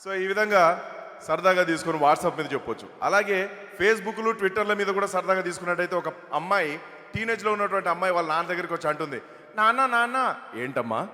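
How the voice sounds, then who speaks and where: A man's voice: high-pitched, fast talker, pushed and bright. A man doing stand-up comedy on stage, telling chatty jokes at a mic. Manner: chatty storytelling. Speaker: comedian and mimicry artist. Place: stage in a hall. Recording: echoey hall over stage PA.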